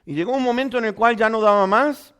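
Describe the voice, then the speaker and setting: Man, high voice, pastor, sermon testimony, halting storytelling with fillers. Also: fairly bright tone, clear, resonant tone. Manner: storytelling with many restarts and fillers.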